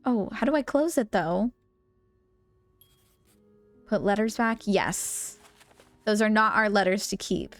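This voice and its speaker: A woman's voice: mid-range voice, expressive, slow pace, long pauses, faint music behind. A woman streaming a game, reading in-game letters aloud and reacting with gasps and laughs. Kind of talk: let's play commentary, reading notes and letters aloud.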